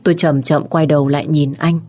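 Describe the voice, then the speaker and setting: Low-voiced woman narrating a story. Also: level tone, a little fast, dark tone. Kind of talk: first-person story narration.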